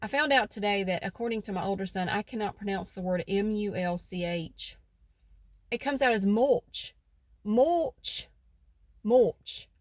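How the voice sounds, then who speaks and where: A middle-aged woman from central North Carolina chats and rambles her way through a folksy vlog outdoors by her house, sounding a little stuffy in the nose. Her voice sits mid-range and slightly mellow, with no echo.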